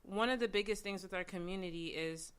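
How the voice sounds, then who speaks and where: A woman's voice: medium pitch, a little fast, a bit bright, smooth. A woman from Nigeria who speaks earnestly and persuasively as a guest on a panel discussion. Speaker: events and marketing manager, panel guest.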